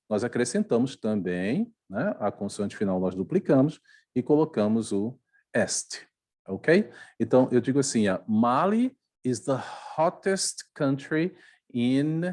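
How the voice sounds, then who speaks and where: Brazilian guy teaching english grammar, patient, keeps asking ok? and tá?, slow on the examples. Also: medium pitch, mellow. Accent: Brazilian Portuguese. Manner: patient, repeats checks like "ok?" and "tá?", reads examples slowly. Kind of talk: grammar lesson explaining in Portuguese with English examples.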